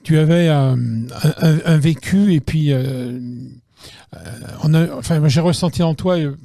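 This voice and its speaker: A man co-hosting a talk show, introducing his guest warmly and hesitantly, with many pauses and restarts. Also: on the high side, vocal fry, dry recording, clean studio sound. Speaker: show co-host interviewing the guest. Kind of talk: casual talk-show interview. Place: studio.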